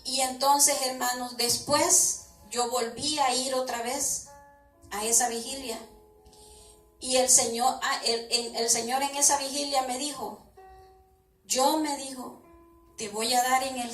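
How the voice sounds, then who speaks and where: A woman with a high voice recounts her testimony, repeating "I told him" after nearly every phrase and calling her listeners brothers. She sounds distant from the mic in a roomy, echoing space, with faint music behind her. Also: a bit bright. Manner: keeps addressing listeners as brothers. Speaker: church member giving testimony. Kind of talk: personal religious testimony. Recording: echoey room, voice far from the mic, faint music.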